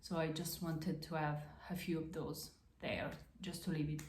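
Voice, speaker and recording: Recording at home in an echoey room with slight background noise, a native Italian woman hosts a relaxed crafts podcast and shows off her projects. Her deep, slightly mellow voice has a flat delivery, and her hesitant English is full of fillers, restarts and self-corrections.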